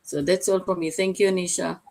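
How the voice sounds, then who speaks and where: An older retired woman from Fiji introducing herself on an online panel, warm and proud, over a video call. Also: on the low side, fairly even intonation, a little fast, gravelly. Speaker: panel guest.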